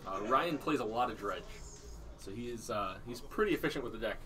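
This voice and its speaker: A young man casually commentating a live card tournament, quick and loose with lots of filler words. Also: medium pitch, animated. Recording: crowd chatter behind.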